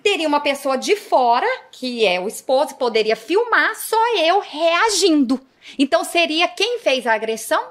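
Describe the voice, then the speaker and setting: A woman's voice: sits high, sing-song, moderate pace, fairly bright tone. A woman, a police chief being interviewed, telling her story vividly and often speaking to the audience. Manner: vivid, dramatic retelling, often addresses the audience.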